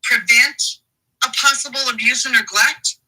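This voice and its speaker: A woman advocate in an interview, speaking emphatically and indignantly, slowing down to stress key words. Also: on the high side, bright, forceful tone, breathy edge, distant mic, low-quality recording. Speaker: advocate for a family in a custody case. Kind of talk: interview guest, reading court documents.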